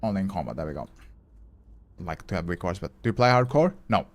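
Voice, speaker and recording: A man with a slightly low voice streaming a game live. He chats loosely with his viewers between moves and thinks out loud about what to try next, dropping the odd curse along the way. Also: animated, fast talker. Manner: chatty, answers viewer chat while playing; swears casually, thinks aloud. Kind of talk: casual live gameplay commentary.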